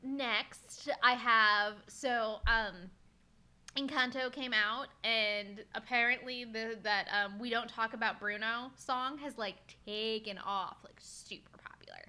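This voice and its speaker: Bright-voiced woman chatting casually. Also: a little high, steady tone, takes it slowly, clean tone. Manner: chatty, swears, many fillers. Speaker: podcast co-host. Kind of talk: casual chat.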